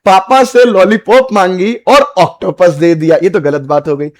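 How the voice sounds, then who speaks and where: A man's voice: high-pitched, a little slow. A man teaching biology for exam prep in speech, repeating key points, checking that students follow, and using playful memory tricks. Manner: repetitive, checks understanding, playful mnemonics.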